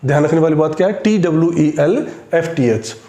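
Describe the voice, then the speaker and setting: A man teaching an English spelling lesson, spelling words out slowly letter by letter. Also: on the high side, animated, mellow. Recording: echoey room.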